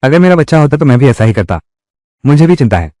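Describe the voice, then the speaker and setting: A man dubbing a kind, modest young village man who talks in a calm, reassuring way. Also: medium pitch, fast talker, dry recording, studio quality, lightly acted. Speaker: dubbing actor. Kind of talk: Hindi dub of a short drama.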